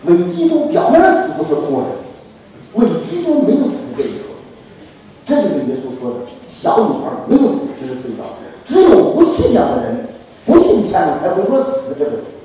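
A man's voice: very high voice, wildly swooping pitch, a little fast, slight background noise. Male preacher, impassioned and exhorting, heard from far off in a big echoing church hall. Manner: impassioned, swings between soft asides and loud exhortation. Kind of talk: sermon.

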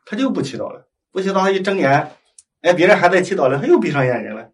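A man preaches in a storytelling way, slipping into the voices of the people in his tale and often asking his listeners for agreement. His voice sits a little higher than most men's. He is heard from some distance from the microphone. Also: fast talker. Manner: animated, acts out dialogue, frequent tag questions. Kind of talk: storytelling sermon.

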